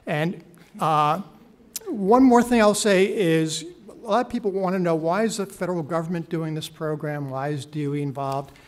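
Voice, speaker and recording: A middle-aged man with a slightly higher voice pitches eagerly to a panel audience and argues his case with energy. He gestures as he talks into a table mic in a wood-paneled hearing room. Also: normal speed. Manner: enthusiastic, persuasive, gestures while talking. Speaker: government program speaker, panelist. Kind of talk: panel presentation. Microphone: table mic on stand.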